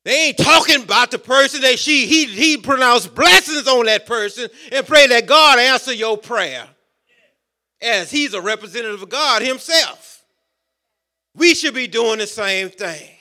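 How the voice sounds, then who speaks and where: A man preaches in with a high, bright voice. He builds his points through rhythmic repetition and calls out questions to the congregation. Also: lively intonation, measured pace. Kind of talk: sermon.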